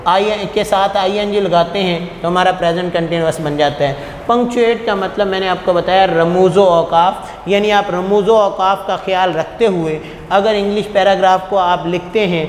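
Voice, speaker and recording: Man as a patient schoolteacher, booming reverb, faint background hiss. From Pakistan. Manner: patient, poses rhetorical questions, calls students "beta". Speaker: teacher. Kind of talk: classroom lecture. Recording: echoey room with long reverb, faint noise.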